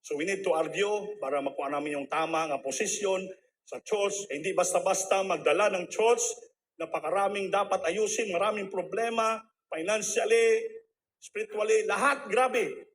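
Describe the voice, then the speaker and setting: High-voiced man preaching a testimony. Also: normal speed, fairly bright tone, slight background noise. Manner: conversational, mixing Tagalog with English phrases. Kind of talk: sermon testimony.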